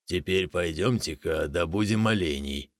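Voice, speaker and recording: A man voicing a big, cowardly bear in a folk tale, gruff and grumbling. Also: low voice, moderate pace, dry recording, clean studio sound, lightly acted.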